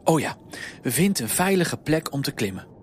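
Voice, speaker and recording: A man's voice: fairly high pitch, sing-song, moderate pace, slight background noise. A man doing a timid muttering baker Pete. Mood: gloomy. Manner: muttering, unsure, talking to himself. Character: timid, gloomy young male baker Pete.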